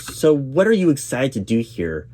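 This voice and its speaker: A man role-playing a job interviewer, reassuring and accommodating, halting and repeating his words as he goes. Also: mid-range voice, very animated. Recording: lo-fi, noisy, clacking keyboard typing. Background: computer keyboard typing.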